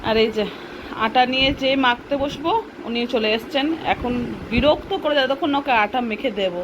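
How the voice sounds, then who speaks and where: Chatting to her viewers and coaxing her kids, a young woman records a vlog inside her home. She speaks at a normal pace in a high voice, over background noise that includes vehicle sounds.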